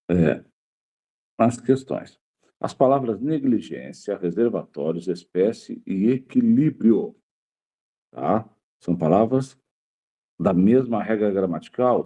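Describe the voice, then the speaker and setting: A man's voice: fairly low pitch, dark tone. A male teacher giving a grammar lesson to a class, repeating key words and checking in with the students after nearly every point.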